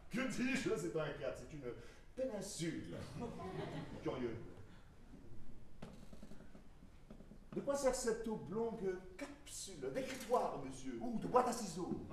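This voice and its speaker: Stage swordsman-poet male actor: high-pitched, hammy, witty, mocking verse declamation; distant, heavily echoing hall. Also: lightly acted. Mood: mocking, showy. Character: Cyrano, proud witty mocking swordsman poet with a big nose. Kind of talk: verse stage play performance. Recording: echoey hall from far off, noisy.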